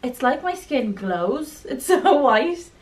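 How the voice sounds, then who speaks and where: A woman's voice: sits high, big pitch swings, slow pace. A young woman, co-owner of a beauty business, chatting in an easygoing, giggly way with lots of "like" and "um". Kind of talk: casual Q&A chat. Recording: slightly distant mic with faint noise.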